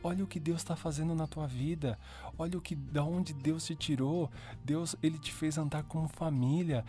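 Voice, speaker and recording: A man quoting his wife, who is surprised and reassuring, in a raised, animated voice. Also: normal speed, soft background music, lightly acted. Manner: animated and emphatic, higher-pitched quoting voice.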